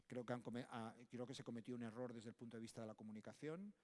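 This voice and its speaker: A Spanish man from Spain, a book author, speaks on a conversational panel in a conference hall, his voice echoing with long hall reverb. His medium-pitched, slightly mellow voice moves quickly with fairly even intonation. He is emphatic, lists ideas one after another, and frequently uses tag questions.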